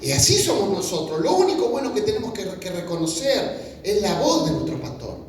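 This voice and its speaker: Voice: medium pitch, big pitch swings, a little fast, background noise. Echoey, distant preacher. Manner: colloquial, conversational preaching with frequent restarts and acted-out quotes. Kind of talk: sermon. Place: church gathering in person. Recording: very echoey room, speaker far from mic.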